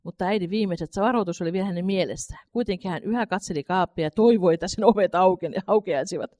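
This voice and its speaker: A woman's voice: fairly low pitch, mellow. A woman reading a children's story aloud, unpolished, stumbling now and then and correcting herself. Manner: unpolished reading with slips and restarts.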